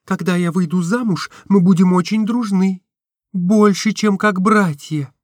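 A man's voice: high-pitched, a little slow, no echo, clean studio sound, pitched above the performer's own voice. A man voicing an impulsive, lovestruck young woman in a storybook reading, with breathless, emotional exclamations. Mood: gushing. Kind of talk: audiobook reading.

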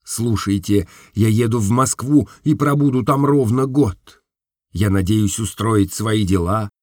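Brief: male reader playing a poor earnest young man, measured and gentle, dry close voice. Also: on the low side, no room sound, voice pushed down. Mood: solemn. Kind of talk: audiobook reading.

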